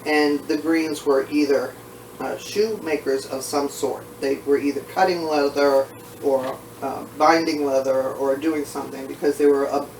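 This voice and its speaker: A man who is short of breath, talking casually and haltingly with frequent pauses as he recalls family history in an oral history interview. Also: mid-range voice. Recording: roomy, distant mic, faint background noise.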